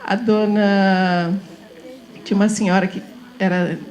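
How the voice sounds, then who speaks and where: A woman's voice: mid-range voice, flat delivery, a little slow, darkish tone, dull audio. A middle-aged woman from São Paulo giving an informal, chatty lecture to teachers, often laughing and asking the room for agreement. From São Paulo, Brazil.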